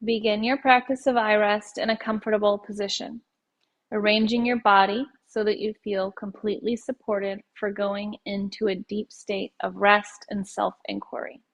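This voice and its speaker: A woman guides a yoga nidra meditation at a soothing, unhurried pace, letting each phrase end softly. Her pitch sits in the middle range and her delivery stays flat.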